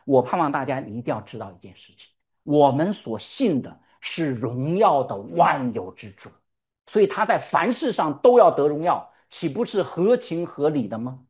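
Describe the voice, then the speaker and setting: A man's voice: fairly high pitch, big pitch swings, moderate pace, a little mellow. A male pastor preaching a sermon. He fires rhetorical questions at the congregation and calls for amens. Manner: calls for "amen" responses.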